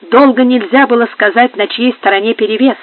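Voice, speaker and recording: A woman narrating a historical novel in a measured, even storytelling manner. The sound is dry and narrow, like a phone line. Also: a little high, no room sound. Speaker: audiobook narrator.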